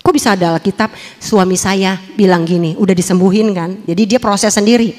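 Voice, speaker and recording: A woman, giving a lively, animated church testimony and speaking straight to the congregation. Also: mid-range voice, brisk, long reverb tail. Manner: lively, animated storytelling, addressing the audience directly.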